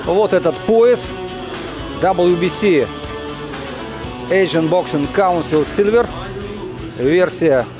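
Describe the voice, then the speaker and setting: A man giving live boxing commentary in measured, short phrases with pauses. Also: sits high, music in the background.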